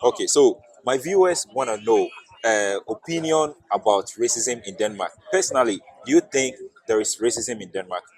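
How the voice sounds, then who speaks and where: A man with an average-pitched voice hosts a street interview. He speaks casually, with short questions and brief replies. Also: expressive, moderate pace, darkish tone, breathy edge. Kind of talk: casual vox pop interviewing.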